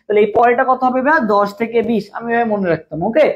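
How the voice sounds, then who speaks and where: In dull lo-fi stream audio, a young man with a very high voice talks very fast while teaching a live online admission test class. He drills students with repeated questions and urges viewers to type in the comments.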